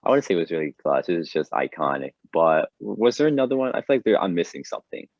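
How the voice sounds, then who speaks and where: Young male podcast co-host: deep, excitable, laughs a lot, rambling chat, on a dull lo-fi mic. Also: fast, creaky, no room sound. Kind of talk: casual chat. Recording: dull, dry lo-fi sound.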